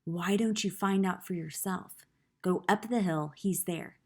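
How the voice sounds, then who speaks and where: A woman's voice: fairly low pitch, unhurried, a little mellow, slightly rough. A woman voicing a carefree, confident young female wooden puppet in a children's storybook. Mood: breezy.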